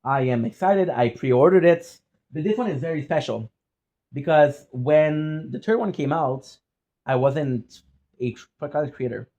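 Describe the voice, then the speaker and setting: A man with a French accent telling personal stories in a casual, rambling vlog style, often halting to repeat and correct himself. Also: a little high, warm tone, dull audio. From France or French-speaking region. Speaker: content creator.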